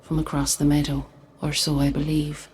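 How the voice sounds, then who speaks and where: A low-voiced, mournful ghost woman played by an actress recites verse in a video game. Her delivery is even and restrained, wistful and deliberate, as if each line weighs on her. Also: a little hiss or hum, lightly acted. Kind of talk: slow, measured verse recitation.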